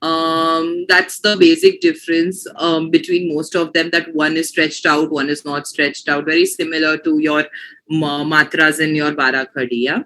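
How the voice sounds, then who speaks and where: A woman's voice: low voice, level tone, moderate pace, sharp tone, rough recording. A woman with an Indian accent teaching pronunciation in an online class, explaining patiently and often checking that students follow.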